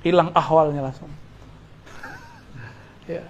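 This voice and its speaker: Man, preacher, Sufi study circle, fairly high voice, explains Arabic terms, jokes with listeners. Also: flat delivery, slow, highs cut off. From Indonesia. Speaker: Islamic preacher.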